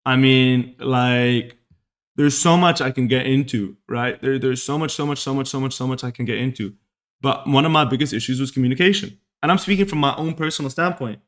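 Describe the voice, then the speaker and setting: Here a young man from Saudi Arabia streams a podcast, chatting casually to his live viewers in a fairly bright, mid-range voice. His monologue is earnest and self-reflective, and he goes over the same points repeatedly.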